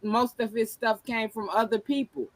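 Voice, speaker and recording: A woman on a casual livestream panel, animated and playful, with slangy talk. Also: on the high side, normal speed.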